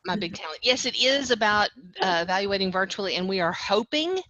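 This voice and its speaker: A woman trainer speaking on an online webinar, explaining plainly and briskly. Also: mid-range voice, animated, a crowd in the background. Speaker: software trainer. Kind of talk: casual online webinar talk. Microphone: video call. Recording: lo-fi call audio with faint noise.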